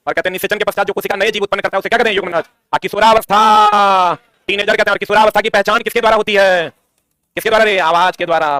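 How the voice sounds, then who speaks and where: Rapid-fire male tutor drilling questions. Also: high-pitched, sharp tone, no echo. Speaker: teacher. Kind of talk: exam-prep science lesson.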